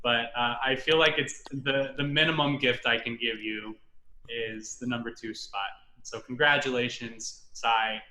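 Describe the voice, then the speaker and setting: Bright-voiced joking man, echoey room. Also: medium pitch, fairly even intonation, unhurried. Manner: joking, laughs often. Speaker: podcast guest. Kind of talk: casual sports podcast banter.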